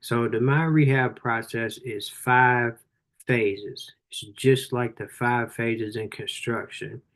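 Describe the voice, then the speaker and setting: A man's voice: mid-range voice, fairly even intonation, slow pace, a bit bright. Earnest man in his forties giving motivational talk. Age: 40s. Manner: casual, earnest and encouraging, with frequent fillers like "you know" and "um". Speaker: author and life coach hosting a live book review.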